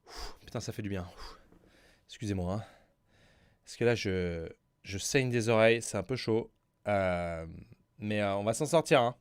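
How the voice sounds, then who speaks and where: A man's voice: on the low side, normal speed, pauses often, clean tone. A man chatting on a live stream, joking and teasing his viewers in a theatrical, mock-grandiose way. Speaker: streamer commenting a live game show. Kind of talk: casual live-stream chat.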